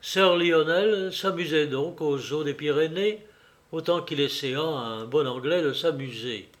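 Slow, measured male narrator. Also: a little high. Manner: measured, deliberate reading. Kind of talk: audiobook narration.

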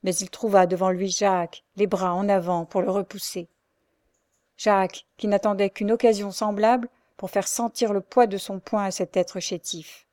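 A woman narrating a classic novel in a measured, dramatic way. Her voice sits mid-range. The recording is close and dry. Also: mid-range voice, fairly even intonation, warm tone, dry recording. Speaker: audiobook narrator.

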